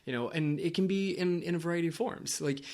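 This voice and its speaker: A man co-hosting a running podcast in a relaxed, loose casual chat, often repeating words. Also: a little high, fast. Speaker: podcast co-host.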